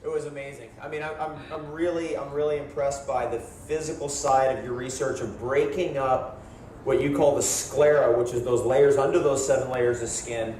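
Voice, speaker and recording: A man co-presenting a live lecture, earnest and a little halting. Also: medium pitch, steady tone, darkish tone. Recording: echoey hall from a distant mic, faint hiss.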